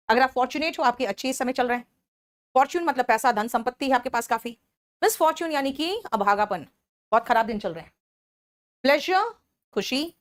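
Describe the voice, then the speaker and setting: Woman exam-prep teacher, Indian English accent, slightly high pitch, patient and explanatory. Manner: explains each word slowly, checks in with students often. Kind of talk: exam-prep vocabulary lesson.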